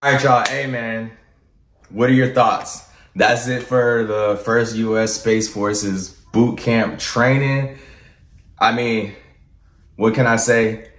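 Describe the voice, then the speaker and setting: A man's voice: mid-range voice, fairly even intonation, slow pace, a bit bright. A man giving casual, rambling reaction commentary as an online host, checking in with an informal "right?". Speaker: drill sergeant host reacting to videos. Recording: roomy echo, faint background noise.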